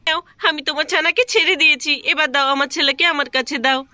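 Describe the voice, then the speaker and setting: A woman's voice: sits high, fairly even intonation, fast, bright, forceful tone, no echo. A woman voicing an anxious young mother in a cartoon who coaxes and pleads. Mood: coaxing worried. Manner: coaxing, pleading. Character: young mother Rupa, anxious for her son.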